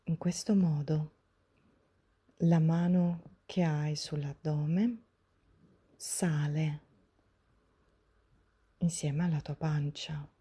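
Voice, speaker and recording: A woman softly whispering a guided breathing meditation, gentle and soothing, step by step with long pauses, in a breathy, hushed spa-like voice. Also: sits low, fairly even intonation. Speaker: guided breathing and relaxation instructor.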